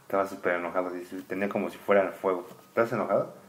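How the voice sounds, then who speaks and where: Low-voiced father teaching. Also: fairly even intonation, slight background noise. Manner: patient, asks the child questions, reads passages slowly and louder. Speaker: father homeschooling his child. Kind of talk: reading and explaining a scripture story to a child.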